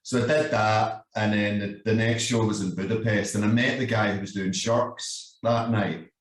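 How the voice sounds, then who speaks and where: A Scottish man in his fifties with a Glasgow accent tells a story as a guest in a casual chat, swearing, laughing often, and repeatedly saying "you know what I mean." His voice is fairly low and steady at a normal speed, recorded from a distance with a roomy sound.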